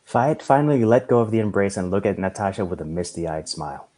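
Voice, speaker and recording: A man reading a story aloud in a measured storytelling manner. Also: low voice, animated, mellow. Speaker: reader.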